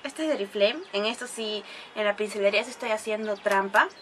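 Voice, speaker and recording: A woman's voice: medium pitch, fairly quick, a little hiss or hum. A woman talking through a makeup tutorial, chatty and explaining each step as she goes, with bursts of gushing praise for the products. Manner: gushing exclamations over products. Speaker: beauty vlogger.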